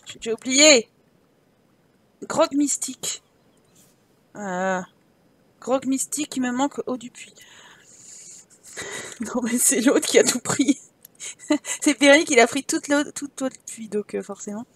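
Woman, gaming host, high voice, casual gameplay commentary, chatty, joking, thinking aloud. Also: slow, pauses often, no room sound.

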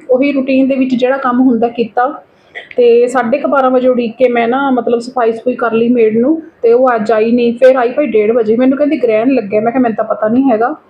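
High-voiced chatty Punjabi woman vlogger. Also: highs cut off, slight background noise. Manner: chatty, often adds tag questions. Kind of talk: casual daily-routine vlog talk. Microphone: phone camera.

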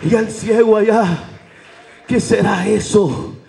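A man preaching a fervent sermon at a church convention, often shouting his exclamations. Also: high voice, fairly even intonation, slow pace, vocal fry, a little hiss or hum.

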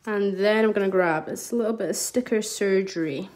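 The Scottish nail artist, with a mild accent, chats away during a live tutorial at her studio desk, reading viewers' comments as she works. Her mid-range voice is a little mellow and fairly quick, recorded on a phone camera over the table with a little hiss or hum.

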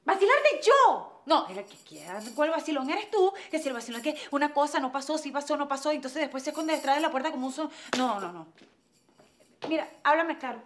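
An actress playing a sassy woman pressing a man for a clear answer, in a television drama. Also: high-pitched, animated, quick pace, slight background noise. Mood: demanding. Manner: teasing, impatient, blunt. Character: feisty woman demanding a straight answer.

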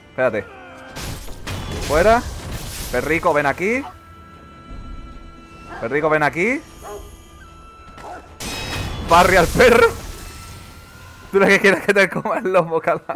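Excitable gamer man, fairly high voice. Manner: excitable, swears and shouts at the game. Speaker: gaming streamer. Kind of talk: casual gameplay commentary.

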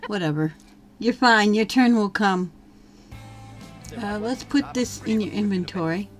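A woman hosts a let's play, giving relaxed gameplay commentary at an unhurried, slow pace. Her voice sits at an ordinary middle pitch. She chats along and speaks to her characters as if they could hear her. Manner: chatty, talks to her game characters.

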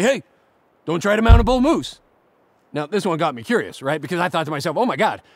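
A man's voice: high-pitched, dry recording. A middle-aged man delivering a scripted comedic monologue, ranting sarcastically and mocking people. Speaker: comedic outdoorsman host.

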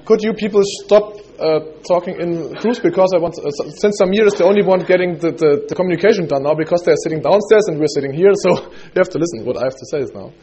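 A man's voice: on the high side, quick pace, few pauses, dark tone. A man speaking up in a conference discussion, hesitant and stumbling over his words. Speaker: conference delegate. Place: conference hall.

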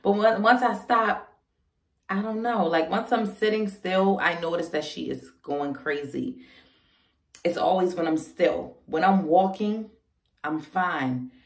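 A woman's voice: fairly low pitch, unhurried, far from the mic. A pregnant woman giving a casual vlog update, chatty and short of breath, talking to viewers as y'all. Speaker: vlogger. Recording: roomy sound, voice away from the mic.

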